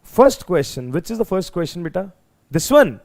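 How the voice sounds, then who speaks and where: Male teacher, North Indian accent, high voice, emphatic exam-lesson delivery with repeated phrases. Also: big pitch swings, normal speed, darkish tone. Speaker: chemistry teacher. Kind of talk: live exam revision lesson.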